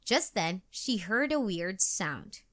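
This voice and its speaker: A woman reads a children's book aloud in a slow, unhurried way. Her voice swings widely in a sing-song lilt and sounds bright. She finishes with questions and prompts for young readers. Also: mid-range voice, very animated. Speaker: storybook reader. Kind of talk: children's read-aloud narration.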